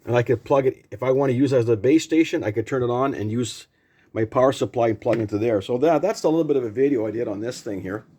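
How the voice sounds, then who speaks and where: Talking fast in a warm, husky mid-range voice, an older man shows off something he built himself. It's casual, unscripted show-and-tell, plain-spoken and rambling, with plenty of repetition.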